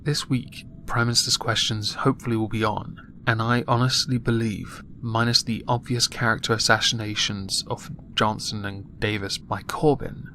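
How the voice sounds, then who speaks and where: A man giving a political opinion monologue in a flat, monotone voice while clearly annoyed. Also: on the low side, moderate pace, a little hiss or hum. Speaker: political commentator.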